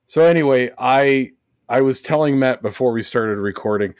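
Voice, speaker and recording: A man co-hosting a casual podcast chat, wry and deadpan, who swears casually as he lays out his picks. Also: medium pitch, normal speed, clear, resonant tone, no room sound, studio quality. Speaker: podcast co-host.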